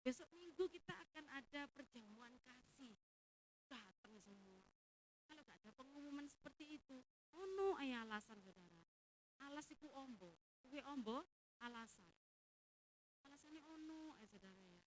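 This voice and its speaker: A woman pastor preaching a sermon, acting out her congregation's complaints in a lively, raised voice. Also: high-pitched, normal speed, long pauses, noisy background. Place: church.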